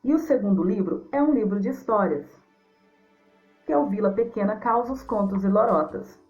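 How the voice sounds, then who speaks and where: A Brazilian woman from Mato Grosso do Sul, a storyteller and writer, answers interview questions for young listeners with warm, effusive affection. Her voice sits at medium pitch and moves at a moderate pace. The lo-fi recording sounds dull and has music underneath.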